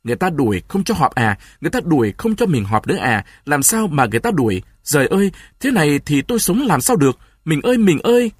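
A man's voice: medium pitch, sing-song, quick pace, few pauses, husky, dry recording, studio quality. A man playing a desperate, sorrowful peasant husband who speaks in an anguished, pleading way, in a storybook reading.

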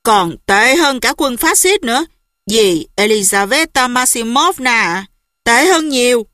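A woman's voice: on the high side, expressive, a little slow, sharp tone, dry recording, studio quality. A woman voicing a blunt, scornful village woman. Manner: scornful, matter-of-fact. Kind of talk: audiobook character voice.

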